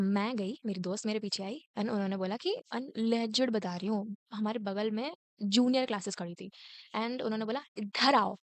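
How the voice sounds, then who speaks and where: Teen girl ranting bout school, higher voice, mixes hindi n english, dry close sound. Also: dry recording. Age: late teens. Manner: animated, indignant retelling with Hindi-English code-switching; mimics a scolding teacher with sharp raised lines. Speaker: vlogger telling a school story. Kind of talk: casual storytime chat.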